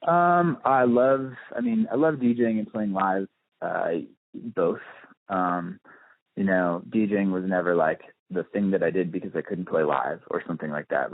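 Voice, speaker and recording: In a casual phone interview, a deep-voiced male musician talks thoughtfully and with some hesitation, often circling back to rephrase his points. The audio comes over a telephone line, sounding muffled and dry.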